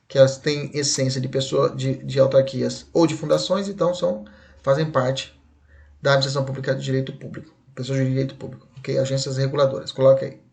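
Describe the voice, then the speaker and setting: A man's voice: mid-range voice, flat delivery, fast talker, gravelly, darkish tone. A man with a Brazilian Portuguese accent teaching law in a recorded online lecture, chatty and keeps checking in with his students. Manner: uses playful memory tricks.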